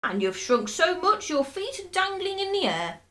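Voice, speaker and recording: A woman playing a gloating, spiteful old husband in a children's storybook, taunting with drawn-out mock solemnity. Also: extremely high pitch, big pitch swings, sharp tone, pitched above the performer's own voice, full character voice. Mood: accusing.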